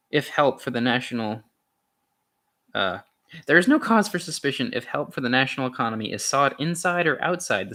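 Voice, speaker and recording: A man with a mid-range, slightly bright voice reads a philosophy essay aloud in an amateur, casual way, occasionally tripping over words and fixing them.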